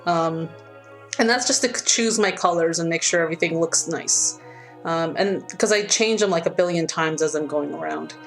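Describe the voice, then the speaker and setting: A woman's voice: fairly low pitch, normal speed, faint music behind. A young woman artist chatting casually as she walks friends through her painting process, laughing often and swearing now and then. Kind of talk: casual chat while painting.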